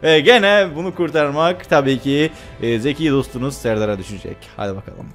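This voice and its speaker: A man's voice: on the high side, fairly quick, fairly bright tone, faint music behind. A young man casually commenting on a video game while he plays, chatty and joking, with many filler sounds. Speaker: gameplay commentator. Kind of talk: casual let's-play commentary.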